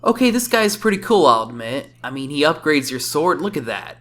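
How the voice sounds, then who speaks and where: Brisk and sing-song, this woman's low voice carries casual, sarcastic reactions as she reviews a video game, often breaking into exclamations. It's a voice-over recording with game music faintly in the background.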